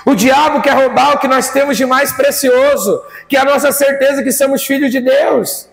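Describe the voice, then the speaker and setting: A man's voice: extremely high pitch, steady tone, normal speed, gravelly, roomy sound, in a large hall, faint music behind. A man with a Brazilian accent preaching a sermon as pastor, firing rhetorical questions at the congregation. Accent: Brazilian Portuguese.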